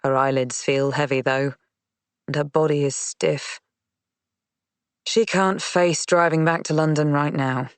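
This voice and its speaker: A man narrating a mystery audiobook in a measured, even reading. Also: a little high, smooth, no echo. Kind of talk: scripted narration.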